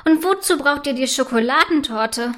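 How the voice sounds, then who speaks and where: A friendly castle cook from a storybook, read by a woman. He talks plainly and warmly, in a high voice. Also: lively intonation, moderate pace.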